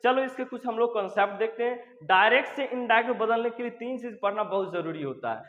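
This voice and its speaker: High-voiced teacher drilling concepts. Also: male voice, fast talker, a bit bright, in a large hall, highs cut off. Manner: repetitive, drilling reminders to remember; affectionate address to students. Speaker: English teacher. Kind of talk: classroom lesson explanation.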